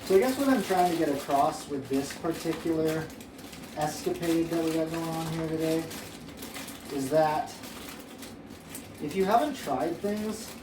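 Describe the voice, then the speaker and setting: In an echoey home kitchen, picked up by a far-off mic amid background noise, a man with a slightly high, animated voice talks a little slowly with long pauses. He hosts a casual cooking show, playfully joking and wandering off-topic as he cooks.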